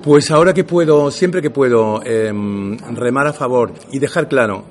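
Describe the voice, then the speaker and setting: Soft background music plays as a middle-aged actor from Seville, Spain, talks casually in an interview at a moderate pace and medium pitch. Neutral Castilian for work, Andalusian at home, he tells lively stories and acts out the quoted dialogue.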